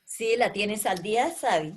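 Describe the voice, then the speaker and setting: A woman teaching a primary school class online, her voice coming through a video call. She is patient and steady, and she keeps repeating the key words to drill them into her pupils. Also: mid-range voice, unhurried, slight background noise.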